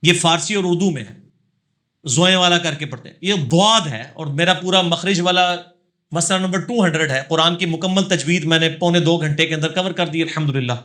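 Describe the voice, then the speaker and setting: Answering questions from a live audience, a male religious scholar speaks with a somewhat high, slightly bright voice. His lecturing is emphatic, punctuated by tag questions to the listeners.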